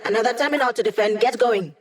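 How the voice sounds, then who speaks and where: A woman's voice: fairly high pitch, fast talker, crowd noise, lightly acted. A woman playing an upbeat, wry young female hacker living as data, giving casual, teasing mission support in a video game. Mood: urgent, encouraging. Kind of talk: video game voice lines over comms.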